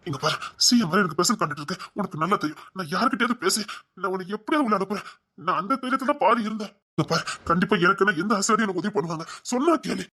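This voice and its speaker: An anxious, remorseful young husband in a TV serial, with a Tirunelveli Tamil accent. He talks quickly, pleading and soothing, and repeats his apologies over and over. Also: high-pitched, lively intonation, sharp tone, exaggerated voice. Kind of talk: TV serial acting.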